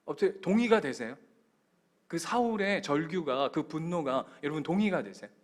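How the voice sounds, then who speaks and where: A male pastor delivers a sermon in a church, his fairly high voice rising and falling with great animation. He tells stories with energy and keeps turning to the congregation with direct questions. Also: normal speed. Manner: animated storytelling. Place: church sanctuary.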